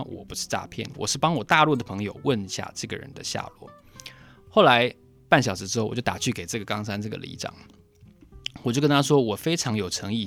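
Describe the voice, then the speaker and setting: Male journalist-host with a gravelly voice, mid-range pitch, telling a story in an animated way. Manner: lively, animated retelling with acted-out dialogue. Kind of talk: solo podcast storytelling.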